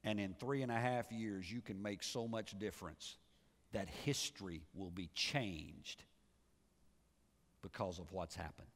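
A pastor preaching a sermon, swinging from loud rising calls to low, quiet endings. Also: male voice, unhurried. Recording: church sermon with long reverb.

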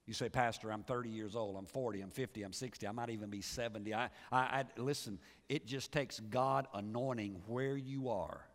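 A pastor preaching a sermon, swinging from loud rising calls to low, quiet endings. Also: male voice, normal speed, few pauses. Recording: church sermon with long reverb.

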